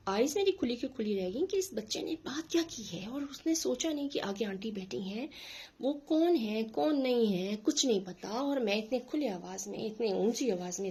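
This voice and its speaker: A middle-aged woman, telling a story in a casual vlog in an animated, indignant way. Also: fairly high pitch, husky. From Pakistan. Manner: animated, indignant, acts out quotes. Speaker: vlogger.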